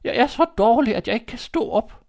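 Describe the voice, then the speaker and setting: A frail old grandmother in her sickbed, played by a man, her voice pitched way up and quavering. She sounds feeble and worn out. This is a fairy tale read aloud. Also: animated, creaky, a little mellow, heavily acted. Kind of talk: storybook reading.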